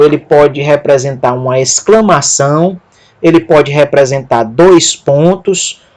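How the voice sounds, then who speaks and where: Slow, patient man teaching. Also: a little high. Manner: spells letter by letter, repeats words slowly. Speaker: Greek teacher. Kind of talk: slow spoken lesson.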